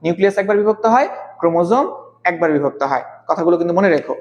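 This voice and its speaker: A man teaching a live online biology class, speaking slowly and deliberately, repeating key terms and quizzing his students. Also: high voice, lively intonation, dull audio.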